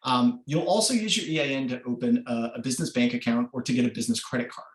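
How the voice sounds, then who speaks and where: A man's voice: medium pitch, quick pace. A man presenting an online workshop, explaining informally with many filler sounds over a video call. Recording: roomy echo.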